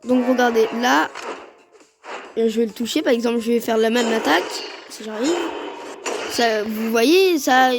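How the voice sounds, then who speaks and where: A woman's voice: a little high, moderate pace, over music. A woman hosting a gaming video, giving casual gameplay commentary and reacting aloud to the play with exclamations.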